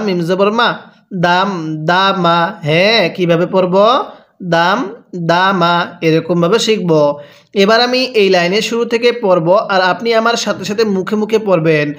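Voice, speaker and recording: A man with a Bangladeshi Bengali accent teaching Quran reading. He spells out each syllable slowly and asks the listener to repeat after him. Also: high voice. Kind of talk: slow syllable-by-syllable recitation lesson.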